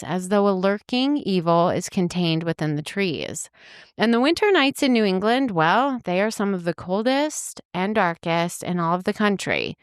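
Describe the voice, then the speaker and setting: A woman podcast co-host reading a dramatic true-crime introduction, building suspense with pauses. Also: fairly low pitch, clean tone, no echo, studio quality. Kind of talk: scripted true-crime narration with banter.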